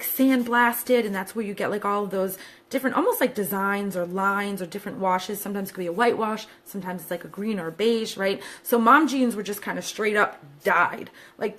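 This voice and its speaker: A woman's voice: medium pitch, fairly bright tone. A woman fashion stylist answering viewer questions in a chatty, upbeat way, with many fillers and side remarks. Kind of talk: casual chat to camera.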